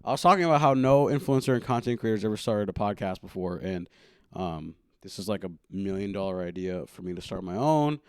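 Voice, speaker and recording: A man's voice: lowish voice, expressive, a little fast, clean tone, dry recording, clean studio sound. A young man hosting his own podcast at home, chatting casually and rambling playfully while poking fun at himself. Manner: self-mocking, rambling, playful. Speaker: podcast host. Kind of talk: casual solo podcast chat. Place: home room.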